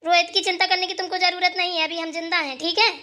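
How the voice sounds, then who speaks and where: A woman voicing a sharp-tongued, scolding old mother-in-law in a cartoon, taunting and sarcastic. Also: very high-pitched, flat delivery, quick pace. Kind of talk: cartoon voice acting.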